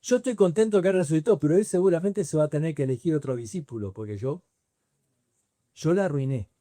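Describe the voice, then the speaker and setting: A man with a Rioplatense accent voicing the apostle Pedro as a remorseful fisherman who speaks in low, dejected self-reproach. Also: animated, fast, dark tone, no echo, studio quality, close to an everyday voice. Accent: Rioplatense Spanish.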